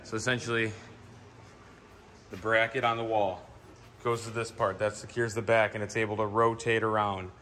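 Filming with a handheld camera inside a wooden barn workshop, a man explains things and asks questions off the cuff as the camera operator and interviewer. His voice is on the low side with little pitch movement, normal speed, frequent pauses, and a bright, forceful tone. The camera or phone mic picks up a noisy workshop recording.

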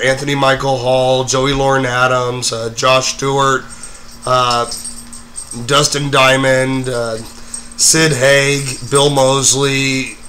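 A hoarse man getting over a cold, hosting a live makeup tutorial in a rambling way with lots of fillers. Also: medium pitch, bright, forceful tone, a little hiss or hum. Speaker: host of a live makeup show. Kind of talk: casual live-stream tutorial.

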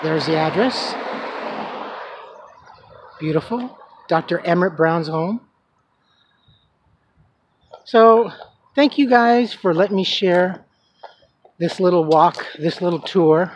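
A man with a high voice walks a residential street filming his neighborhood on a handheld camera, speaking slowly with long pauses. His casual vlog tour rambles along with fillers, and outdoor noise and passing traffic sit in the background.

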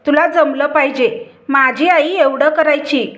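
A woman's voice: high voice, measured pace, fairly bright tone. A woman reading as an impatient, blaming young husband. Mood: irritated. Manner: curt, complaining.

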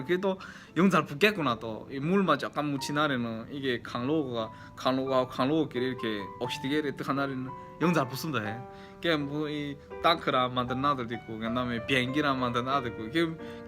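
A man from Yanbian in China with a Yanbian Korean accent, chatting casually and politely to viewers as he reminisces. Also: medium pitch. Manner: chatty, polite formal endings. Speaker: vlogger. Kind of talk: casual nostalgic storytelling to viewers.

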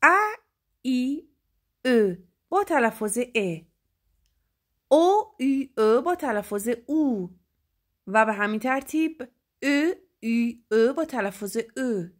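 A woman's voice: sits high, lively intonation, pauses often. A young woman teaching French pronunciation, spelling word endings letter by letter and then saying the sound. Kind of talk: slow spelled-out pronunciation lesson.

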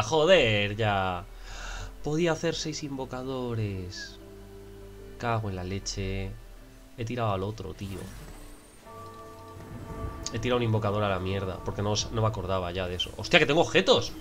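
A young man with a Spain Spanish accent giving casual gameplay commentary, excitable and prone to swearing and shouting in frustration. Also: on the low side, normal speed, pauses often, music in the background. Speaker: gameplay streamer.

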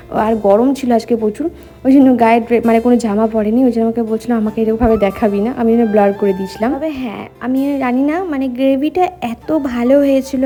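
A woman's voice: a little high, warm tone. A woman chatting casually at home in a vlog, talking straight to her viewers. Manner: chatty, addresses viewers directly. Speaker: vlogger. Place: at home, indoors.

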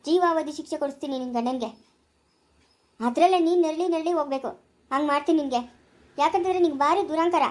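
A woman's voice: sits high, quick pace, long pauses, natural voice. A woman playing a harsh female police officer who scolds and threatens, in an amateur family drama. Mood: scolding.

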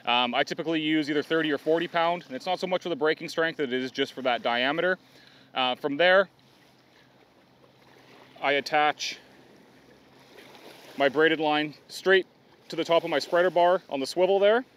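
A middle-aged man talks through a how-to tutorial outdoors by a river. His voice sits a little high, and his delivery is plain and practical, with the odd "um" and "uh". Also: moderate pace, pauses often, a bit bright. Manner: plain, practical explaining with fillers. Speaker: fishing guide demonstrating gear.

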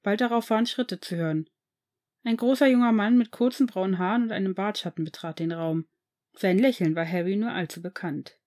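A woman narrating a fan-fiction story as an audiobook in a calm, even voice. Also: medium pitch. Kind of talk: fanfiction audiobook reading.

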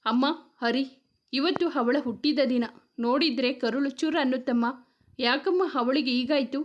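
A woman's voice: high voice, steady tone, normal speed, dull audio, close to an everyday voice. A woman voicing a curt young husband. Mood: grieving. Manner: curt, snapping.

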